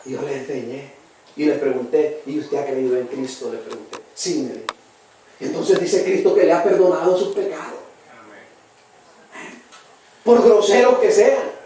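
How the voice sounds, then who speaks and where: High-voiced Salvadoran preacher in echoey church. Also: male voice, a little slow, long pauses, warm tone, a little hiss or hum. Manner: addresses listeners as brother constantly, earnest and emphatic. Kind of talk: sermon. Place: church hall. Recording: very echoey church, voice from far off the mic.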